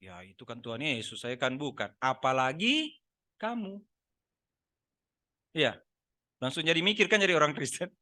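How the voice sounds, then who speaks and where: A man's voice: fairly high pitch, lively intonation, moderate pace, long pauses, sharp tone. A man preaching a Sunday sermon in church, talking with the congregation and teasing them with questions. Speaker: pastor. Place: church service.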